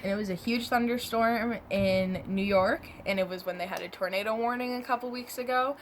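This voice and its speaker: Her medium-pitched voice stays steady in tone and runs a little fast, captured in a rough recording with some hiss or hum. She is a product reviewer doing an informal, chatty hands-on demo, catching and fixing her own mistakes.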